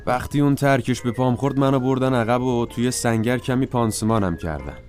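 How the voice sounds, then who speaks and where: A man's voice: mid-range voice, a little mellow, faint music behind, lightly acted. An actor playing a hapless, bandaged wounded soldier who moans and complains as he tells his misfortunes. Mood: aggrieved. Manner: moaning, complaining comic storytelling.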